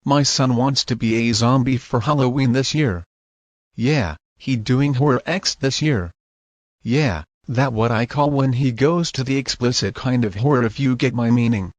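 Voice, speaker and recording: A male announcer with a mid-pitched voice reads scripted, horror-style news and emergency alerts at normal speed. The sound is dry and close with no echo or room reflections, and the high frequencies are cut off.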